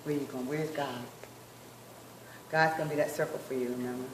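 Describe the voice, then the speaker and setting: A woman instructor coaching a group rehearsal, encouraging them and slowly repeating phrases as she demonstrates. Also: extremely low pitch, steady tone, roomy sound, recorded from a distance, background noise. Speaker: sign language dance instructor.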